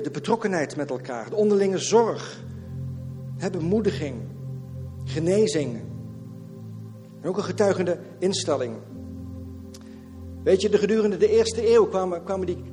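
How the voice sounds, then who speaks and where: A man preaching a sermon to his church, lively and repetitive, slipping in English catchphrases. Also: high voice, big-room sound. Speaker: pastor. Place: church hall.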